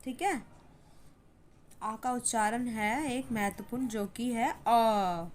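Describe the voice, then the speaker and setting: Patient woman teacher, slightly high voice, drills example words slowly, faint hum behind. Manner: patient, repeats "ठीक है" often, stretches example words slowly. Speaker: English teacher. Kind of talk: spoken English pronunciation lesson.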